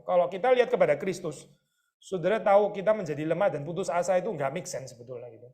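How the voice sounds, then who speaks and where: A man preaching a lively, conversational sermon as pastor, often asking his listeners rhetorical questions. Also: on the high side. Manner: mixes English words into his talk.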